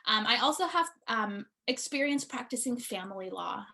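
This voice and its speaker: A woman's voice: fairly high pitch, lively intonation, moderate pace, creaky, pushed and bright, slight background noise. Friendly woman attorney, many "um" fillers. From born in Iraq, raised in the United States. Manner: frequent "um" fillers, earnest and friendly. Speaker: immigration attorney presenting a webinar. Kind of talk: webinar presentation.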